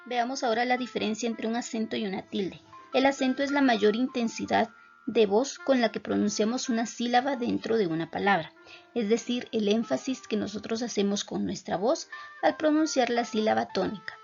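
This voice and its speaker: Female teacher, slightly high voice with a gravelly edge, soft music behind, dull lo-fi sound. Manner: clear, measured explanatory delivery. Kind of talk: recorded classroom lesson.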